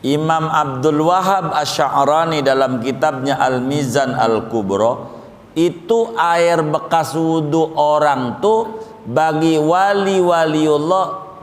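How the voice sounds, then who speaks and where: A man preaching a sermon in a casual, joking way, his voice leaping up high for emphasis. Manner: colloquial joking preacher, pitch jumps up for emphasis. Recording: long hall reverb.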